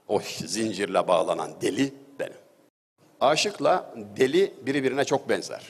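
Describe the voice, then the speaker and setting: A middle-aged man giving a religious talk, telling anecdotes with wry humor and an easy storytelling manner. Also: medium pitch. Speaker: religious speaker. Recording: long hall reverb.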